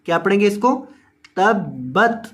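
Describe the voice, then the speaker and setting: Male Quran teacher, measured and patient, word-by-word drills, occasional slow melodic recitation. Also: high-pitched, lively intonation, fairly bright tone. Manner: drills each word slowly, repeating and correcting mispronunciations. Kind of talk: word-by-word tajweed lesson.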